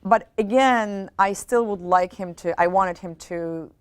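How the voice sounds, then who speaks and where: A middle-aged woman hosts a relaxed chat, talking in a loose, easygoing way with many fillers and light laughs. The sound is dry and close, with no room echo. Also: medium pitch, unhurried, smooth. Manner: chatty, full of fillers and soft laughs. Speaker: host. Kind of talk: casual chat.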